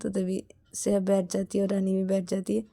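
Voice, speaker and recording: Gravelly-voiced woman storyteller. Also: medium pitch, completely flat delivery, fairly quick, dark tone. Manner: plain repetitive linking phrases. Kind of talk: casual story narration.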